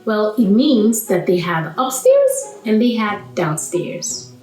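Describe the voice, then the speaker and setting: A woman storyteller hosts a children's read-aloud, speaking slowly with huge pitch swings in a mid-range, darkish voice as she playfully asks the young listeners questions. A roomy echo and music fill the recording.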